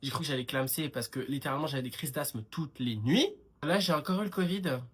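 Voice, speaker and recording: A young man rants through a comic monologue, animated and sarcastic, his voice sitting somewhat high. There is a husky edge to his delivery, and he swings into exaggerated outbursts. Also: brisk. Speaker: comedy creator. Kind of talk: comic sketches and rant.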